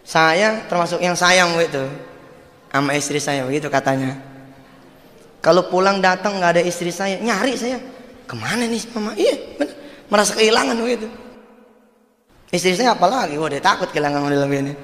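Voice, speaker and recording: A man with a Jakarta accent delivers a storytelling sermon, shifting into casual street slang and jokes. His voice sits somewhat high for a man. The sound carries a long, echoing hall reverb. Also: a bit bright. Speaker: preacher.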